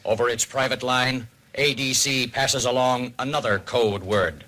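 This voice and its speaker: A man with an American accent narrates a 1950s civil defense radio program in a formal, deliberate, authoritative announcer style. His medium-pitched voice is steady, pushed, and bright, and the mood is grave and instructive.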